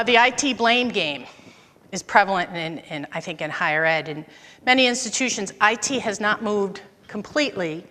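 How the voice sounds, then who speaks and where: Speaking in a conference auditorium, this presenter in her fifties tells stories from her working life in a relaxed, conversational style. Her lowish voice has a slight brightness, trailed by long reverb and a faint hiss or hum.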